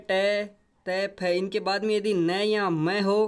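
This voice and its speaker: A man with a high, clear voice teaches a grammar lesson. He speaks slowly and works through each rule step by step, repeating every example. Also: flat delivery. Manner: repetitive step-by-step explaining.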